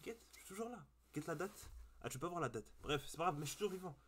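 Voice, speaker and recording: A man's voice: a little high, expressive, fast, fairly bright tone, a little hiss or hum. A young man hosting a reaction video, chatting casually to his viewers in slang and swearing freely into a cheap webcam mic.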